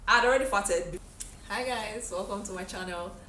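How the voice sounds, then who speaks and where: A young Nigerian lifestyle vlogger from Delta State answers viewer questions in a breezy, chatty get-to-know-me Q&A, sprinkling in lots of "like" and "okay?". Her medium-pitched voice moves at a moderate pace, pushed and bright, recorded reverberantly on a distant mic with a little hiss or hum.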